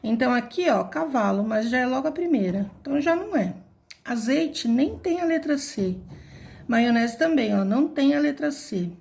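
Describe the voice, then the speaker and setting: A woman's voice: high voice, animated, moderate pace, creaky, a little mellow. A woman teacher patiently explaining a word puzzle step by step, counting syllables and letters aloud.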